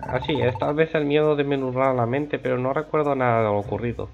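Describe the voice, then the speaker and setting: A man's voice: medium pitch, steady tone, fast, vocal fry, muffled recording, music in the background, natural voice. A man voicing a shaken, earnest professor bird creature in a video game, recounting hesitantly.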